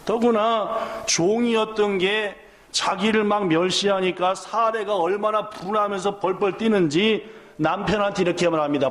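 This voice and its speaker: A man's voice: sits high, reverberant. A male pastor preaching a sermon, firing questions at the congregation and acting out the lines of the story. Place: church sanctuary.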